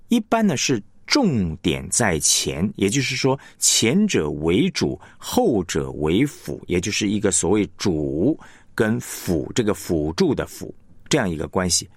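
A man teaching announcing technique in a radio lesson, reading out example words to show where the stress falls. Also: no room sound. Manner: demonstrates word stress with lively rising and falling pitch. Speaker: broadcasting teacher.

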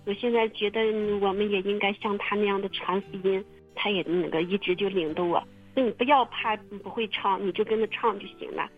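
A woman telling her own story in casual testimony, halting and repeating her words with many fillers. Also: medium pitch, steady tone, soft background music. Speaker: testimony guest. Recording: muffled phone-line radio recording.

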